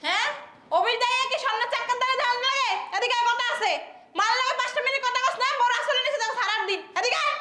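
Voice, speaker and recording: A shrill, relentless old village mother-in-law, as a woman puts her on in a comedy skit. She scolds in rapid-fire rhetorical questions, her voice very high, fast and sharp. Each jab ends with a nagging "haan?". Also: slight background noise. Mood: scolding. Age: older.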